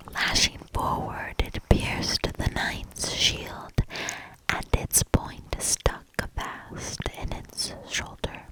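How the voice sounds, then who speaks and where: In a rough recording, a soft-spoken woman whispers her way through a fairy tale for ASMR, deliberate and measured in her storybook-style phrasing.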